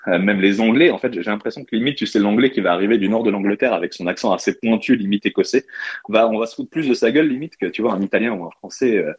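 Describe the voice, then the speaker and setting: A man from France talks quickly and casually as an interview guest, tripping over restarts and fillers as he goes. His voice sits low and a little husky. The sound is dry and close. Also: no echo. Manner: fast, chatty, many restarts and fillers. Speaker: startup co-founder and CTO, guest. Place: London.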